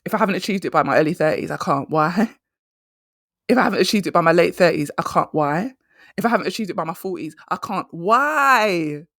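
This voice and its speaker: A woman's voice: on the low side, lively intonation, brisk, a bit bright, no room sound, clean studio sound. A woman, hosting a motivational career podcast and speaking emphatically, repeating her key phrases. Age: 30s. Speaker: career coach and podcast host.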